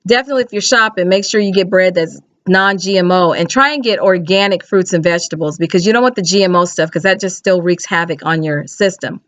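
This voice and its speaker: A woman's voice: fairly low pitch, fairly quick, hardly any pauses, fairly bright tone, no room sound. A middle-aged American woman chatting casually to camera, giving plain-spoken, instructive advice straight to the viewer. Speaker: video blogger. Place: small indoor home room. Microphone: webcam or laptop mic at arm's length. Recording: dull lo-fi webcam audio.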